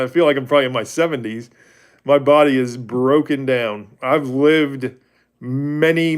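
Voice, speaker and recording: A man's voice: mid-range voice, clear, resonant tone. Man, 40s, livestream host; candid, rambling faith talk with viewers. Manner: rambling and candid, often restarts and corrects himself.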